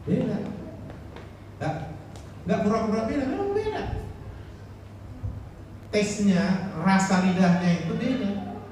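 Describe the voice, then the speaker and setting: A male pastor, preaching a sermon with dramatic swings in pitch. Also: lively intonation, slow, pauses often, darkish tone, slight background noise. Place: church hall. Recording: echoey hall, distant mic.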